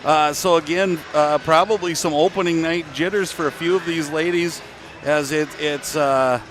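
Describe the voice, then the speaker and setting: Fairly high-voiced male color commentator, halting. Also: steady tone, background noise. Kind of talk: conversational sports analysis.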